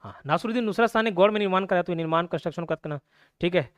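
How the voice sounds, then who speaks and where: A man's voice: sits high, rapid-fire, dry recording. A young man, giving a casual exam-prep lecture with playful memory tricks, checking in often with his students. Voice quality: chatty, repeats check-ins like "okay" and "clear". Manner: playful mnemonics, laughs at own jokes. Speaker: exam coaching teacher.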